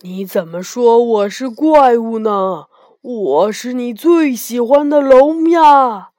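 Kind male sky dragon for a bedtime story, lively voice; woman narrator plays it. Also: on the high side, takes it slowly, dry recording, studio quality. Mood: hurt.

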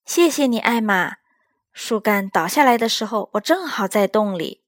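A woman voicing a small, gentle, grateful butterfly in a children's story, speaking sweetly and earnestly. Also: mid-range voice, expressive, normal speed, no room sound, studio quality, natural voice.

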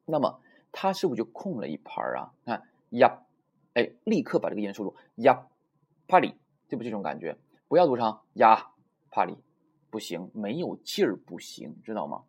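A man's voice: lowish voice, huge pitch swings, fast, gravelly, darkish tone, breathy edge. A man teaching a language lesson, drilling words emphatically through repetition. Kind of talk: classroom lesson.

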